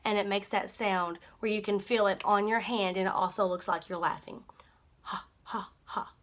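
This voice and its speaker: Friendly speech therapist modeling sounds. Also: female voice, medium pitch, fairly even intonation, brisk. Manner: demonstrates sounds with repeated modeled syllables. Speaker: speech-language pathologist. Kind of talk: instructional explanation.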